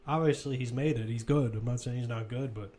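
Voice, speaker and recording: A man with a medium-pitched, somewhat dark voice calls a football game live at a fairly quick pace. His commentary is a running present-tense account of the action in brief, clipped bursts.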